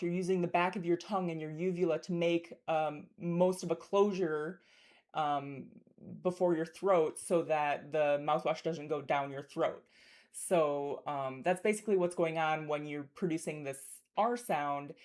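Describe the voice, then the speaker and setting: A woman's voice: fairly low pitch, a little mellow. A woman teaching pronunciation as a linguist, explaining carefully and articulately and demonstrating speech sounds, with a throaty r in German example words.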